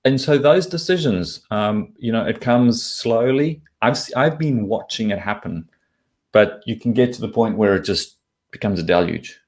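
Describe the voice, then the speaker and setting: His voice sits lowish and a little mellow, at a normal speed. The man, an investment commentator from southern Africa, is an interview guest explaining what he thinks in blunt, informal language with some casual cursing.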